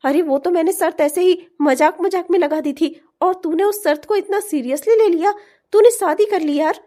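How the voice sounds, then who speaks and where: A woman's voice: very high-pitched, normal speed, warm tone. A woman voicing a conscience-stricken young male friend in a cartoon, earnest and scolding. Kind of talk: cartoon voice acting.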